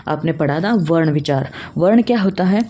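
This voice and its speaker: Low, mellow-voiced woman teaching a class. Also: animated, moderate pace. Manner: explains step by step, asks and answers own questions; addresses students as children. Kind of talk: online classroom lesson.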